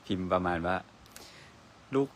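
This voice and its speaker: A man in his thirties, a father chatting casually at home and using soft baby talk with his toddlers. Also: unhurried, a little hiss or hum. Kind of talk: casual family chat.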